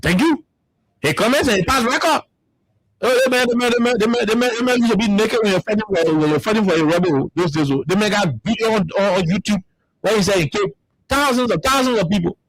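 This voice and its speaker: A man's voice: sits high, quick pace, no echo, rough recording. A man with a Liberian English accent, hosting a heated political panel talk and repeating words as he presses his points. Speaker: talk show host.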